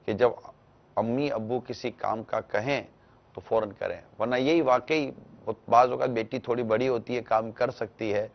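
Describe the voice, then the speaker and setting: A man answering a caller's question on a religious talk show, explaining gently and instructively and acting out small household exchanges. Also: mid-range voice, steady tone, gravelly, lo-fi sound. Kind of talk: televised religious advice talk.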